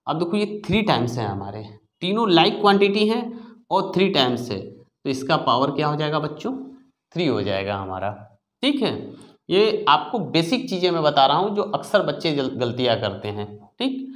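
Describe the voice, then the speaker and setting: A man teaching a maths lesson to children, explaining step by step and asking questions that he answers himself. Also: on the high side. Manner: explains step by step, checking with "ठीक है बच्चों"; asks the class questions and answers them himself.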